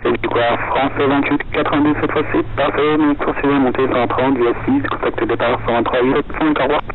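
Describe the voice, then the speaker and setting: A man working as an air traffic controller, giving easygoing clearances over a radio transmission. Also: mid-range voice, steady tone, quick pace. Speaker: air traffic controller in online flight simulation. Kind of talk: radio clearances, relaxed phraseology. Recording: tinny, very noisy radio link.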